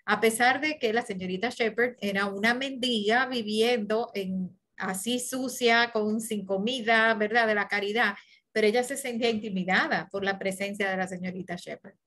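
A woman joins a film forum discussion. She speaks in a relaxed, conversational way at a middle pitch and asks the group questions as she goes. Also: moderate pace.

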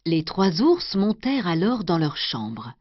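A woman storyteller doing an expressive scripted storybook narration. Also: fairly low pitch, a little slow, no echo. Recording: dry, dull lo-fi recording.

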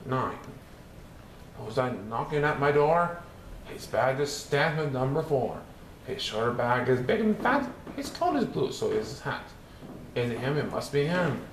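Very animated yet measured, a medium-pitched man reads aloud from a children's picture book written in verse, giving it a theatrical, sing-song rhythm. The room echoes, and there's some background noise.

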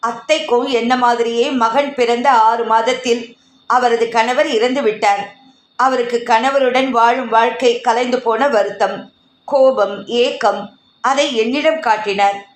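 A woman voicing Kamakshi, a calm and cheerful older grandmother who speaks in a gentle, matter-of-fact way, in an audio story. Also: on the high side, takes it slowly. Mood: reflective. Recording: echoey room.

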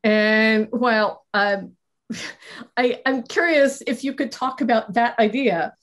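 A woman moderating a meetup Q&A over a video call, asking a long question in a halting, hesitant way. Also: on the high side, fairly bright tone. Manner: halting, many fillers and restarts.

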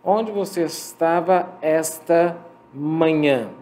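A man with a Brazilian Portuguese accent teaching a beginner English lesson, modelling phrases slowly for learners to repeat. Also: a little high, dark tone. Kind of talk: slow, careful language lesson.

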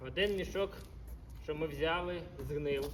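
A man's voice: fairly high pitch, unhurried, fairly bright tone, slight background noise. A man playing a monk who coaxes people to try potatoes, in a historical stage performance. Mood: coaxing. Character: monk bringing new potatoes. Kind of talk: historical theatre acting.

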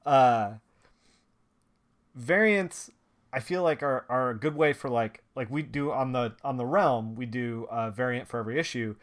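A streamer who works as a comic colorist hosts a live stream, chatting casually and ramblingly with many restarts and fillers. His medium-pitched voice is unhurried, and he sounds sniffly, with watery eyes.

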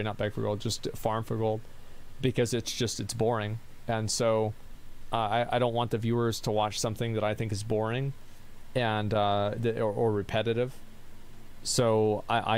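Reading viewer questions on his stream, a weary man in his thirties answers in a low-leaning voice. He speaks in a rambling monotone, stumbling through fillers and restarts, over slight background noise.

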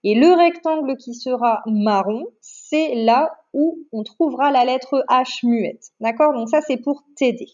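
A woman teacher talks slowly and patiently in a fairly high voice, spelling out each step of an online lesson. She dictates syllables with careful, clear articulation. The recording sounds a little dull and lo-fi. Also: mellow. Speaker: primary school teacher.

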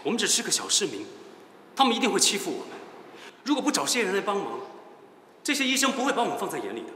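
A combative widower in a TV drama, quick and sharp-tongued, with a high voice that swings widely as he spars with the doctors. The voice rings in an echoey hall with ambient noise. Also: wildly swooping pitch, heavily acted. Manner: sarcastic, confrontational. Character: combative widower suspicious of the hospital.

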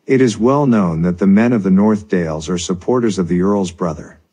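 A man's voice: deep voice, moderate pace, warm tone. A man voicing a cold, menacing bailiff. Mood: stern. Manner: menacing, formal. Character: stern male bailiff, cold and threatening.

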